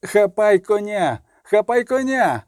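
A man voicing a young knight yelling urgently. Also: high-pitched, big pitch swings, moderate pace, no echo, studio quality, voice pushed up. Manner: urgent shouting. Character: young male knight, shouting and bleeding.

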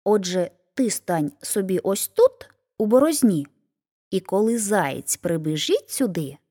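A woman's voice: medium pitch, a little slow. A woman reading as a sly, confident hedgehog. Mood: scheming. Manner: calm, persuasive instructions.

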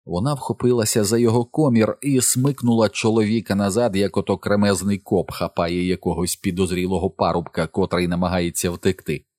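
A man narrating an audiobook in a measured literary reading. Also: low-pitched, fairly even intonation, a little mellow, dry recording, studio quality.

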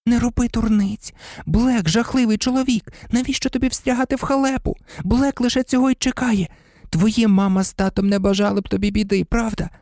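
A man's voice: very high voice, fairly even intonation, brisk, creaky, darkish tone, dry recording, studio quality, pitched above the performer's own voice. A man voicing an anxious teenage schoolgirl who urgently pleads with her friend. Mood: pleading. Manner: urgent, imploring.

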